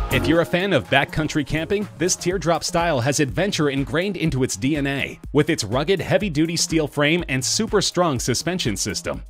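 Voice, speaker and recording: A man reading a scripted voice-over narration in a smooth promotional manner. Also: a little high.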